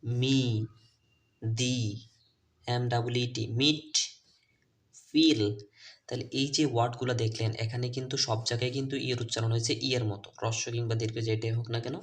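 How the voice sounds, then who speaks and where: A man teaching English letter sounds to children's teachers and parents. His first language is Bengali. He spells out the letters and repeats each word slowly. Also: medium pitch, level tone. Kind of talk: phonics lesson video.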